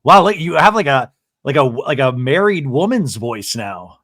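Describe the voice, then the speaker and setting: A man's voice: medium pitch, very animated, moderate pace, a bit bright, no room sound, studio quality. A man hosting a podcast in casual chat, effusive and gossipy, rambling from one thought to the next. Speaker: podcast host.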